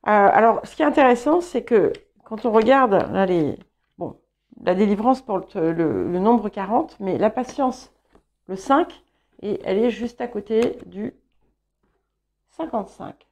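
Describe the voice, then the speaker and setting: Slow, gravelly-voiced woman reading tarot. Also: mid-range voice, expressive, a little mellow. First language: English. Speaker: tarot reader.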